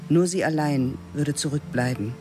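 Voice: medium pitch, normal speed. Eine Erzählstimme trägt in ruhigem, literarischem Ton einen Hörspieltext vor. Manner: even, literary storytelling. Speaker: narrator. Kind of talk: scripted radio drama narration. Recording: narration over music.

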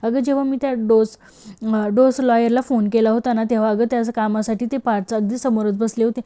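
A woman's voice: on the high side, steady tone, brisk, mellow, lightly acted. Woman voicing a tearful young wife. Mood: explaining. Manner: pleading, emotional.

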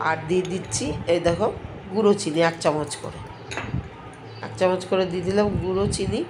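A middle-aged or older woman with a cold, congested in nose and throat, chattily talking viewers through a recipe step by step. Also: medium pitch. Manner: chatty, homely step-by-step explaining. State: congested with a cold, blocked stuffy nose and throat, speaking with effort. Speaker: home cooking vlogger. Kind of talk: casual recipe narration to viewers. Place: at home while preparing drinks. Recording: noisy kitchen with clinking dishes.

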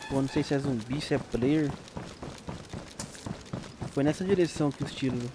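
A man's voice: mid-range voice, normal speed, background noise. A young man with a Brazilian Portuguese accent giving casual, slangy gameplay commentary and laughing often. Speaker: gameplay streamer.

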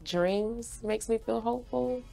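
Her voice is fairly high, warm and creaky, and she takes her time while faint music plays in the background. She's a young woman from Haiti who grew up in Florida, a brand ambassador guesting in an indoor studio, answering interview questions cheerfully and laughing a lot.

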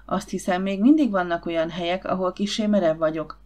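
A woman voicing a young, eager, obliging and tender woman in an audiobook, speaking softly and earnestly. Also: lowish voice, lightly acted.

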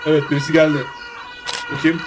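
A man streaming a game, commenting casually with wry asides that turn loud and excited. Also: on the high side, fairly quick, background noise. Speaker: gameplay streamer. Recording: game music playing behind.

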